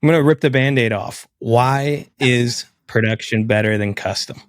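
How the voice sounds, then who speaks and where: A man's voice: medium pitch, normal speed, no echo, studio quality. A man hosting an interview in a casual, conversational way. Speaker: podcast interview host.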